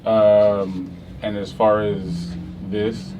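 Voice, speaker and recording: A man co-hosting a casual podcast in an easygoing, halting way. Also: fairly low pitch, flat delivery, distant mic, lo-fi sound, background noise. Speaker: club promoter and co-host.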